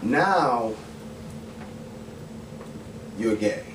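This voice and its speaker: A man from the Bronx, New York, a spoken word poet and actor, performs dramatic poetry on a small, dim indoor bar stage. His mid-range voice has lively intonation, delivered theatrically and pointedly with deliberate pauses. A far-off camera mic picks him up with a roomy sound and background noise, while the stage mic sits unused beside him.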